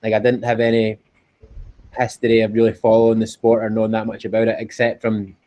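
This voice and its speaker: Talking fast in a lowish, dark voice with a completely flat delivery, a Scottish man appears as an interview guest. He's an endurance cyclist chatting earnestly and casually, often repeating himself, heard through dull, lo-fi call audio.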